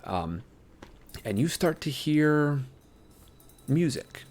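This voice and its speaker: A man's voice: on the high side, sing-song, very slow, a little mellow. A man running a tabletop game as game master, improvising narration and thinking aloud hesitantly for his chat.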